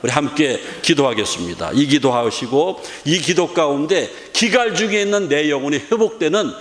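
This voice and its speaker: Korean-speaking pastor preaching in an echoing hall. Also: male voice, on the high side, animated, normal speed. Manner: emphatic preaching with rhetorical questions. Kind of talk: sermon. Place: church sanctuary. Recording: echoey church hall with long reverb.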